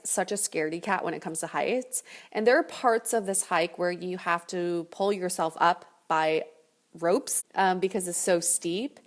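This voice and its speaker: A woman video host telling a personal story to viewers in a casual, chatty way. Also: on the low side.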